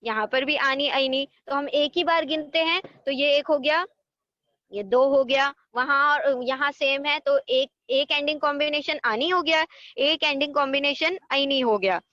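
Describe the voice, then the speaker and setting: A woman's voice: high voice, a little slow, sharp tone, no echo, dull audio. A woman teaching an Arabic grammar lesson online, patiently drilling word endings and explaining them step by step.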